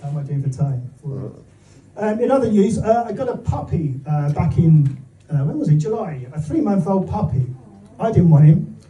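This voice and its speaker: High, mellow-voiced Englishman doing stand-up to an audience. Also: lively intonation, normal speed, highs cut off. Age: middle-aged. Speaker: stand-up comedian. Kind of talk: stand-up comedy in front of an audience. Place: live comedy gig before an audience. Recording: echoey room, recorded from far off.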